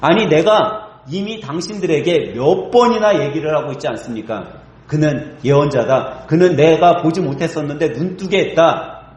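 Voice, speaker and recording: A man's voice: on the high side, animated, normal speed, a little mellow, roomy sound, close to an everyday voice. A male pastor acting out the words of a grown man healed of blindness, bold and sure, with earnest testimony. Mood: sarcastic.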